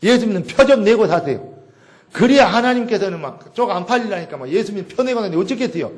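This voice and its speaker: A man preaching a sermon in a chatty, animated way, acting out little exchanges with people. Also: high-pitched, fast. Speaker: pastor.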